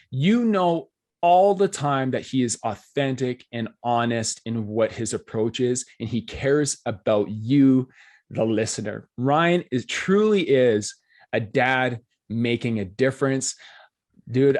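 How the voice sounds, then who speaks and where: A man hosting a podcast interview, energetic and enthusiastic, sitting at his desk. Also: on the high side. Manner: energetic, enthusiastic, talks fast when fired up. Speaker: podcast host. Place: seated at a desk, indoors.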